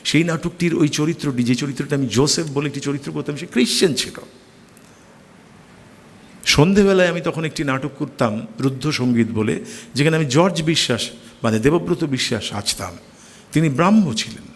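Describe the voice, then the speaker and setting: A middle-aged man with a slightly high voice tells anecdotes from his life as a stage actor. His lecture delivery is expressive, and he bursts into animated quotes. The sound rings with the long reverb of a lecture hall. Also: moderate pace, breathy edge.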